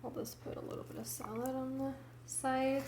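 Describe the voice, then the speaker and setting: A woman narrating a casual cooking vlog in her home kitchen, calmly describing each step as she plates dinner. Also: sits high, reverberant, background noise. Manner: slow, homely commentary while plating food.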